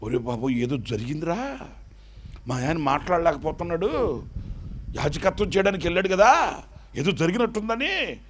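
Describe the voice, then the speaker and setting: A man's voice: very high voice, expressive, fairly quick, a bit bright, a little hiss or hum, voice pushed up, full character voice. A man preaching who voices an alarmed older wife scolding her husband to speak properly. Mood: worried. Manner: exasperated scolding. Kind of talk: sermon storytelling.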